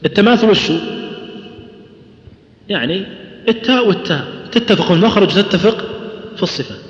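A man's voice: high voice, lively intonation, brisk. A man teaching a tajweed lesson to students, explaining patiently, modelling recitation and asking them questions. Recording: roomy lo-fi hall recording.

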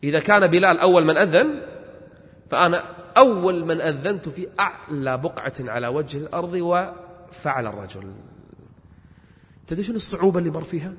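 A man preaching a sermon, telling stories and building to forceful, repetitive exhortation. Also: on the high side, expressive, brisk, pauses often. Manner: impassioned, repeats phrases and builds to forceful exhortation. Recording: long reverb of a large hall.

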